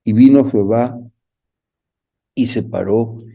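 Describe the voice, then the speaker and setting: A man's voice: medium pitch, takes it slowly, vocal fry, mellow. A man with a Mexican Spanish accent gives a Bible lesson, reading scripture aloud and asking the listener questions. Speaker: Bible course teacher. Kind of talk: Bible teaching talk.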